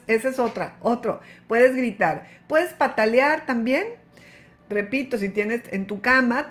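A woman coach speaks straight to her female listeners in a slightly high voice. She is animated and emphatic, and tender with her pet names. She keeps checking in as she goes. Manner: affectionate, calls listener "hermosa", frequent "¿ok?". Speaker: wellness coach. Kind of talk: motivational talk to women.

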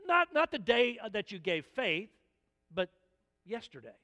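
A man with a high, bright voice delivers a sermon. He is animated and keeps slipping into short acted-out exchanges. The sound carries a long reverb from an echoey church hall. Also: measured pace. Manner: animated, acts out little dialogues. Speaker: pastor.

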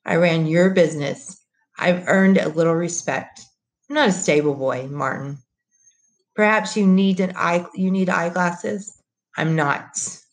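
A woman's voice: on the low side, unhurried, lightly acted. A woman doing a firm, proud father. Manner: firm, controlled. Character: proud middle-aged father, former business manager, restrained.

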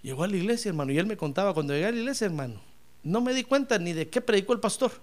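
A man's voice: sits high, expressive, very fast. A man preaching a sermon, speaking emphatically and often calling his listener brother.

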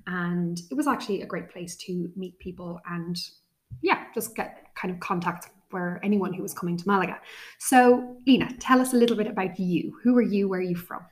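A woman's voice: on the low side, brisk. A woman hosting a podcast interview, upbeat and chatty. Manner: upbeat, scripted intro then chatty. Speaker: podcast host. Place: apartment overlooking the sea.

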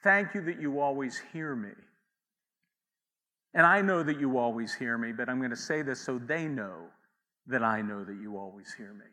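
A man's voice: mid-range voice, expressive, normal speed, bright, forceful tone, big-room sound. A man preaching a sermon as pastor, in a conversational way with asides and acted quotes.

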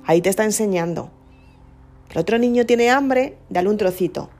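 A woman's voice: mid-range voice, normal speed, darkish tone. Earnest Spanish woman musing aloud. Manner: earnest, questioning, restarts words. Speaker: speaker giving personal reflections. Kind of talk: reflective casual monologue.

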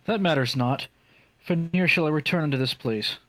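A man's voice: a little high, normal speed, a bit bright, dry recording, lightly acted. A man reading an eager young farm-boy hero in an amateur Shakespearean table read, plain and earnest.

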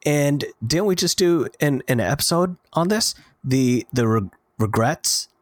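A man's voice: a little high, measured pace, no echo. Earnest man talking on a dry mic. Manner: earnest, animated storytelling with quoted dialogue. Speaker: podcast co-host. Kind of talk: casual chat.

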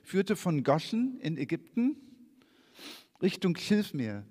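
A man preaching in a church, reading scripture aloud in a lively, expressive way with casual asides. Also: sits high, slow. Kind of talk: sermon reading scripture with slides. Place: church hall. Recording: long church reverb.

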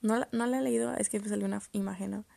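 Young woman muttering in gravelly fry. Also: medium pitch, steady tone, rapid-fire, dark tone, dry recording. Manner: rambling, self-interrupting, often drops to mutters and whispers. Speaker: podcast host. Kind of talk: casual solo chat about poetry.

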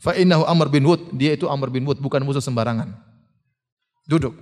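A man's voice: mid-range voice, a little fast, a little mellow, voice pushed down, close to an everyday voice. A man as a firm commanding leader. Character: grave male leader, commanding and protective. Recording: long hall reverb.

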